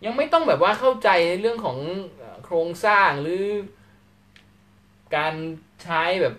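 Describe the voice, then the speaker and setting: A man teaching English grammar in a live lecture, animated and acting out short question-and-answer exchanges. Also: high-pitched, moderate pace.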